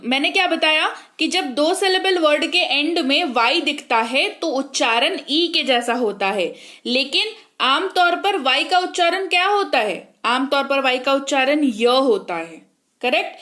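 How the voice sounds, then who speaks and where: A woman's voice: high voice, a bit bright. A woman teaching English spelling, patiently spelling words letter by letter and checking in often. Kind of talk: spoken English lesson.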